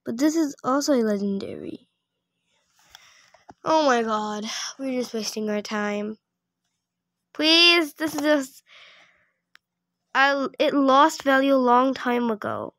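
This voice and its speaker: A woman's voice: sits high, slow, pauses often, fairly bright tone, no room sound, studio quality. A young woman talking casually while she plays a video game and records it, pleading and exasperated as she begs other players for trades. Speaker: gaming video creator. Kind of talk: casual gameplay commentary.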